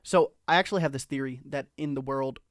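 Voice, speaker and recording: A man's voice: mid-range voice, quick pace, dry recording, clean studio sound. Opinionated man talking casually. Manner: reflective, opinionated, lots of "like". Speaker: podcast co-host. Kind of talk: casual chat.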